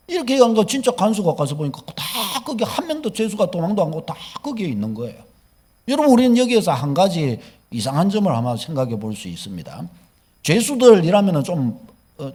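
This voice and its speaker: Animated pastor with a high, lively voice. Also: male voice, husky. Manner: animated storytelling, asking the congregation questions. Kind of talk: sermon.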